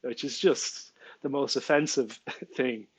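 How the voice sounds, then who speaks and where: A medium-pitched, husky voice takes things slowly as an exasperated Irish man in his forties, a native speaker, vlogs from a small room at home. This small business owner delivers an indignant rant to camera, stumbling, restarting, gesturing and laughing in disbelief.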